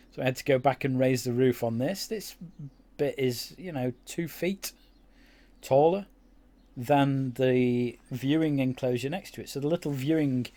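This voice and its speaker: A man's voice: medium pitch, dark tone. A man giving casual, rambling commentary over his own gameplay, with many fillers and restarts. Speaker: game YouTuber.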